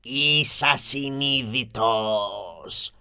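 A storyteller voicing a hideous, stern male beast in a fairy tale, speaking slowly and menacingly. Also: sharp tone, smooth. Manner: slow, drawn-out, booming delivery.

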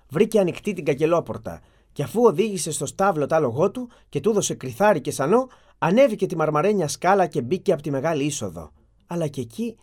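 A storyteller giving an expressive, dramatic reading of a fairy tale. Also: mid-range voice.

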